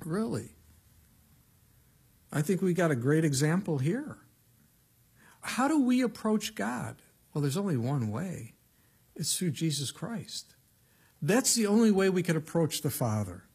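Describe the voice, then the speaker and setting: A man's voice: on the high side, sing-song, a little slow, gravelly, pauses often, darkish tone, breathy edge. A male pastor giving an evening Bible-teaching sermon into a pulpit microphone, preaching in a conversational, plain-spoken way with emphatic asides.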